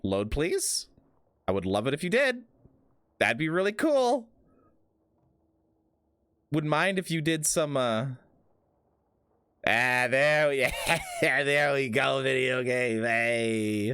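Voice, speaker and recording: Animated male gamer, dry close sound. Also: mid-range voice, slow pace, clean tone, no room sound. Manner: playful, muttering asides to himself. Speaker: gaming streamer. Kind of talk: casual playthrough commentary, chatting with viewers.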